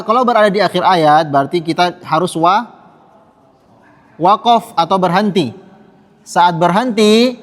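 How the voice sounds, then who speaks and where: A male Quran teacher, patiently explaining tajwid rules to a class and repeating the sounds for them to echo. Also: high-pitched. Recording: long reverb in a hall.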